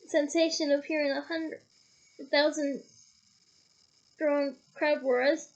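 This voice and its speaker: A woman reading a novel aloud, casually stopping to comment on the story, on a dull, lo-fi home recording. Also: high-pitched. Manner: casual, stops to comment and laugh. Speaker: audiobook reader.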